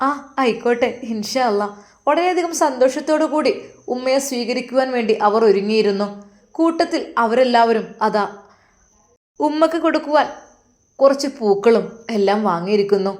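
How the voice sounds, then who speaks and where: A woman's voice: a little high, expressive, moderate pace, a little mellow. A woman narrating a family story in a dramatic, exclaiming way.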